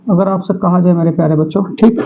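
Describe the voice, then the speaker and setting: A man's voice: high-pitched, steady tone, fast talker, slight background noise. A male teacher giving an online exam-prep class, who asks students questions and repeats each answer. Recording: tinny phone-like audio.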